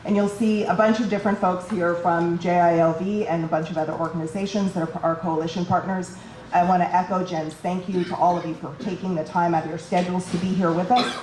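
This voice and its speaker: A woman moderating a panel, speaking in a brisk, practical way with a few ums. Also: lowish voice, steady tone, a little mellow, a little hiss or hum. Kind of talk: introducing a panel. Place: large conference room. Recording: echoey event room, faint ambience.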